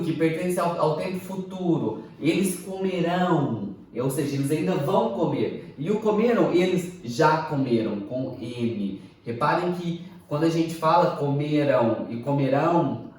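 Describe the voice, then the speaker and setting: Slow, deliberate man teaching a class. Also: a little high, a little mellow. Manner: slow, deliberate, spells out syllables and asks "ok?" often. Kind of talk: recorded online class lecture. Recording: echoey room, mic far off.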